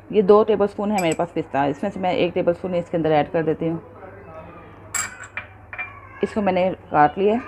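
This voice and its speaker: A woman's voice: lowish voice, warm tone, a little hiss or hum. A woman hosting a cooking show, patiently explaining each step and checking in with her viewers.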